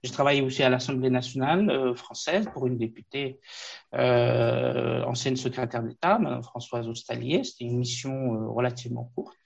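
Gravelly-voiced man guest, halting speech. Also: mid-range voice, fairly even intonation, highs cut off. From Afghanistan. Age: late 30s. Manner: halting, many fillers and restarts. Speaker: interview guest. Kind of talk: conversational interview.

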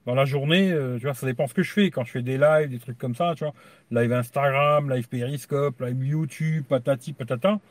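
A medium-pitched man speaks at normal speed with no echo. He runs a YouTube tech channel, and on this live stream he chats crudely and rambles, tacking "tu vois" onto nearly everything he says.

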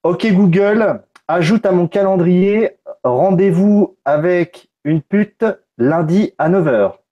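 A man's voice: sits high, takes it slowly, dull audio. A man hosting a casual live unboxing stream, loose and joking, swearing casually. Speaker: tech streamer.

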